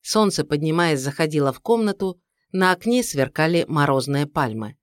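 A man narrating an audiobook in a calm, measured storytelling manner. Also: a little high, no echo, clean studio sound.

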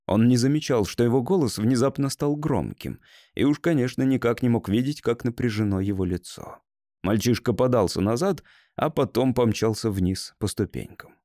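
A man reading a story as an audiobook narrator, in a measured, even manner. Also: mid-range voice, no room sound, studio quality. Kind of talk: scripted narration.

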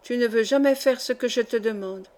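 Lady narrator doing a sick dying lady in a storybook, soft tired plaintive voice, kinda high. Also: brisk, close to an everyday voice. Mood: querulous. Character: dying young noblewoman, frail and fretful. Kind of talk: audiobook character reading.

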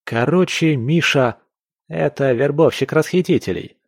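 A man reading an audiobook, voicing an excited, boastful young male fighter with an eager, loud delivery. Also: on the high side, measured pace, no echo, studio quality, pitched above the performer's own voice. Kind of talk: audiobook character voice.

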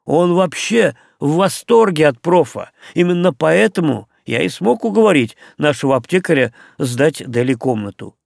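A man's voice: a little high, lively intonation, normal speed, vocal fry, few pauses, darkish tone, dry recording, clean studio sound. A man voicing a cheerful, joking young male doctor in an audiobook. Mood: breezy.

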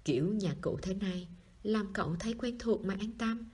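A woman reads a novel aloud as an audiobook. Her voice is husky and a little breathy, and she keeps a calm, even storytelling pace. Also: medium pitch, moderate pace. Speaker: audiobook narrator. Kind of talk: audiobook narration.

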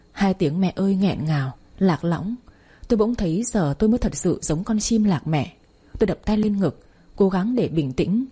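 Woman reading a sad story out loud, husky and kind of dark sounding, really heartfelt. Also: medium pitch. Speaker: narrator. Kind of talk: first-person audio story narration.

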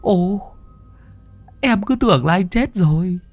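A man's voice: expressive, takes it slowly, faint music behind, exaggerated voice. A man voicing a panicky young male small-time thug who sobs and wails for his fallen brother. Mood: startled. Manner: sobbing, shrill wailing.

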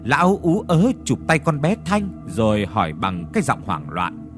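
A man reading a ghost story aloud in a dramatic storytelling voice. His pitch sits in a middle register and moves with lively rises and falls. He leans into the suspense of each line. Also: normal speed, music in the background. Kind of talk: horror story narration.

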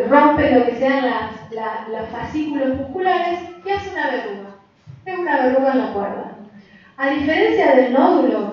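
Woman, high voice, lecturing, distant mic, heavy echo. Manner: explanatory, emphatic repetition. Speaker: voice workshop speaker. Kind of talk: lecture to a group. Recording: echoey room, distant mic, dull sound.

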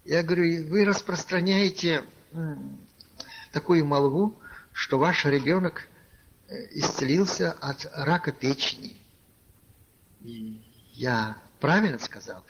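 Husky-voiced man preaching on lo-fi tape. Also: on the high side, takes it slowly, long pauses. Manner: folksy, addresses listeners as brothers, many filler "ну". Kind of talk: conversational sermon with a personal story. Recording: lo-fi archival tape recording.

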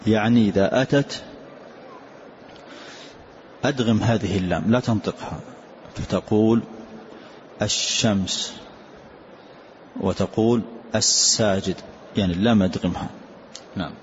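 A low-voiced older man teaches recitation rules in a calm, patient, repetitive manner, pausing to affirm his student. The recording is dull and lo-fi with a faint hiss behind him. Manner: calm, repetitive, answers with short "na'am". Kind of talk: explaining a recitation poem line by line.

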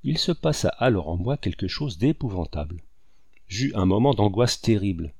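A man narrates a classic adventure novel in the first person, measured and dramatic in his telling. His voice sits low and carries a gravelly rasp. The recording is close and dry, with no room sound. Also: expressive, darkish tone, dry recording, dull audio. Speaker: audiobook reader.

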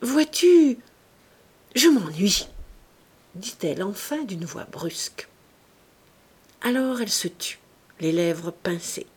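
A woman narrating a classic novel as an audiobook reader, in an expressive, unhurried way. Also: fairly low pitch, slightly rough.

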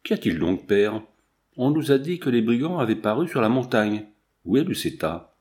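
A man's voice: mid-range voice, big pitch swings, moderate pace, darkish tone, close to an everyday voice. A male reader gives us a young artist with urgency and passion in his voice. He pleads with the crowd in an ordinary mid-range tone, close to a plain storybook reading. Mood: urgent. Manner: impassioned, pleading.

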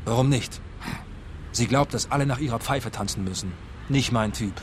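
A man's voice: mid-range voice, normal speed, close to an everyday voice. Man playing an earnest, suspicious informant, street noise behind. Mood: suspicious, irritated. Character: earnest, suspicious male informant, easily irritated. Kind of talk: radio crime drama dialogue. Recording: outdoor street traffic noise. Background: outdoor urban ambience with vehicles.

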